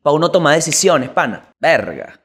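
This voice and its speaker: A man with a Venezuelan accent hosting a comedic news monologue, animated and slangy, swearing and jumping into quick impressions. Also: on the high side, slightly rough. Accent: Venezuelan Spanish. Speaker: comedy show host.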